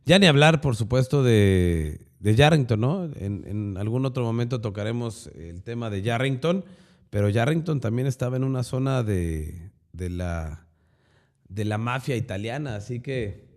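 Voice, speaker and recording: A Mexican-accented man runs through the day's headlines as a podcast host, breaking off into sarcastic, profane jabs. His voice sits at an ordinary middle pitch, neither high nor low, and his commentary is loose and opinionated. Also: expressive, normal speed. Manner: sarcastic, with crude slangy asides.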